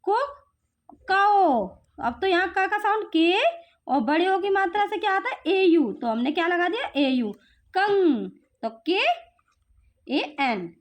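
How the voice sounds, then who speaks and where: A woman from India teaching letter sounds and vowel marks to a child, slowly drilling with repeated questions. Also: extremely high pitch. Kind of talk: home phonics lesson for parents.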